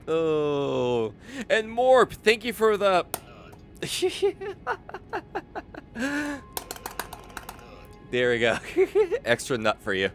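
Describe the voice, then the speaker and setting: A man chatting excitedly as a game livestreamer, animated and often repeating his phrases. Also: lowish voice. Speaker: live streamer. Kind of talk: excited gaming livestream chat.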